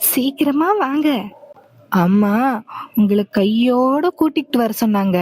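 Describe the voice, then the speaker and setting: A woman's voice: a little high, measured pace, a little mellow, slight background noise, natural voice. A woman voicing a cheerful younger sister in a cartoon, urging her older sister to come home. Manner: urging, teasing. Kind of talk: cartoon voice acting.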